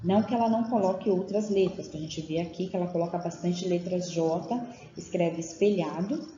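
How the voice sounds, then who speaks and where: A woman talks through a teacher training lesson with patient, step-by-step explanations, often checking that her listeners follow. Her voice is mellow and dark. The recording is dull and roomy, with a long echo and faint background noise. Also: lowish voice, brisk. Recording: dull, echoey room audio with faint noise.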